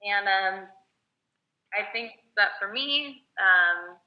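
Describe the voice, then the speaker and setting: A woman's voice: medium pitch, lively intonation, drawn-out words. A young woman from the Bay Area talking casually as a guest, hesitant, with many fillers and restarts. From United States (Bay Area, California). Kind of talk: casual video call chat. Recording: muffled lo-fi call audio.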